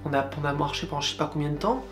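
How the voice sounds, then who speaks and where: A man's voice: fairly high pitch, very fast. A man casually recounting an outing in a vlog. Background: music.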